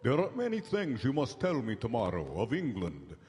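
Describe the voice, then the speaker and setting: Creepy vampire count, low and swooping, polite but menacing, old radio horror play in a big echoey hall. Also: male voice, wildly swooping pitch, a little mellow. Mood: sinister courtesy. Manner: slow, formal, ominously polite delivery. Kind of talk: live radio horror drama acting. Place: large hall stage, live broadcast. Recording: live theatre hall, long reverb.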